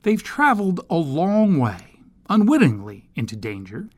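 A man's voice: fairly high pitch, huge pitch swings, moderate pace, a little mellow. A man narrating a scripted television news feature as a correspondent.

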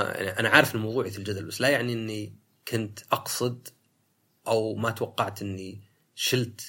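A man hosts a solo talk podcast in a gravelly, husky voice. He argues in a casual way and mimics other people's lines to make his case. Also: on the low side, fairly bright tone. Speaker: podcast host.

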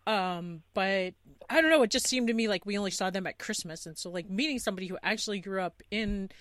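A woman's voice: mid-range voice, fast, fairly bright tone, no room sound. A woman hosting a podcast interview in a casual, rambling way, often saying "like". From New York area, just east of the city. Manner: rambling, peppered with "like". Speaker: podcast host, elementary teacher.

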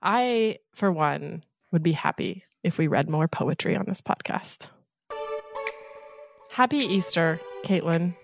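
A woman's voice: on the low side, lively intonation, slow, gravelly, dry recording, soft background music. A woman co-hosting a podcast, talking and reading aloud. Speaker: podcast co-host. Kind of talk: podcast conversation and poetry reading.

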